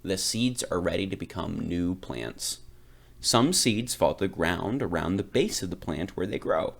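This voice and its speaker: A man with a low, gravelly voice reads a children's picture book aloud, phrasing it deliberately and adding expressive emphasis.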